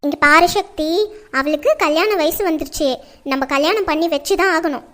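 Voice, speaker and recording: Casting: woman as fretful, lecturing mother, very high and piercing, family drama. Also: normal speed, fairly bright tone. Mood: persuading. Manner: scolding, lecturing. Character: nagging middle-aged mother, strict and fretful.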